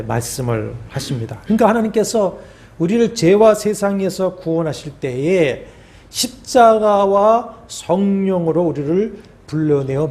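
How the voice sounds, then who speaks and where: Male pastor, sermon delivery, mellow and slightly high, measured phrasing with fillers and falling endings. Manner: measured preaching with drawn-out pauses and fillers; voice drops at phrase ends. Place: church sanctuary.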